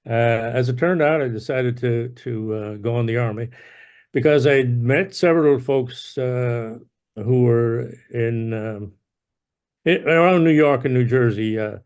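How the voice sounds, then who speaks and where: Older Irish-born man, interviewee, easygoing and halting delivery. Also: medium pitch, a little mellow, clean tone. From Ireland. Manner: unhurried, many fillers and restarts, chuckles often. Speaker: interviewee, veteran. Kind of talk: casual oral history interview.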